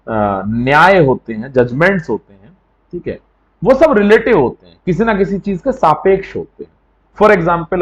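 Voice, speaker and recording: A man's voice: a little high, a little mellow, highs cut off. A man teaching an exam coaching lecture in a conversational way, often checking with "right?" as he explains.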